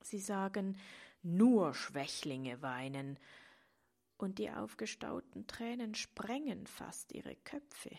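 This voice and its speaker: A woman voicing the frail grey spirit of sadness, who speaks in a hoarse, halting whisper and sounds mistrustful. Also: medium pitch, animated, darkish tone, exaggerated voice. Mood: mournful.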